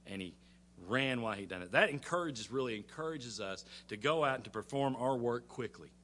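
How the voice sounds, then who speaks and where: A pastor preaching a sermon, stumbling over repeated words and climbing to fervent emphasis. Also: male voice, mid-range voice, expressive, fairly quick, fairly bright tone.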